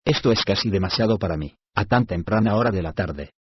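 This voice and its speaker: Fussy, drowsy old owl courtier, hooting and muddled, read by a low, husky-voiced man, dull lo-fi audiobook sound. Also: a little fast, dry recording. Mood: puzzled. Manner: hooting, muddled, frets it is too early.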